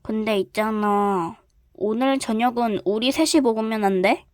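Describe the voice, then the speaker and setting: A woman voicing a timid little female rabbit who ends her lines with a squeak. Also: normal speed, no room sound, studio quality, close to an everyday voice. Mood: nervous. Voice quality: high, bright childlike voice.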